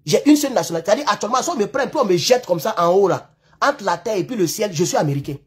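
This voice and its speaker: This man from the Ivory Coast speaks with an Ivorian French accent, his voice high, animated and racing with a breathy edge. As a YouTube commentator, he rants about politics in an impassioned, accusatory manner and repeats points for emphasis.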